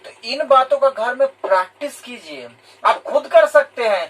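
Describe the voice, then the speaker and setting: A man's voice: extremely high pitch, expressive, moderate pace, breathy edge, recorded from a distance, poor audio. A man from India, a teacher giving a motivational talk to students, explaining points and repeating key words in two languages. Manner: explanatory, repeats key words in English and Hindi, addresses listeners directly.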